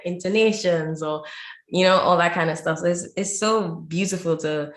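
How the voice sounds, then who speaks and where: A woman from Lucia, answering conversationally as an interview guest who teaches language. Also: sits low. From Saint Lucia. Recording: roomy, echoey sound.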